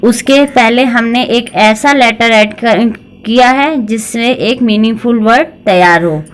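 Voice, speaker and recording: A woman's voice: on the high side, unhurried. A woman teacher reading word families to children, spelling each word and then saying it.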